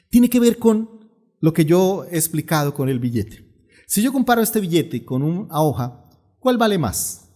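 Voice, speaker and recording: A middle-aged male pastor, preaching a sermon in a humorous storytelling manner with lively asides. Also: on the high side.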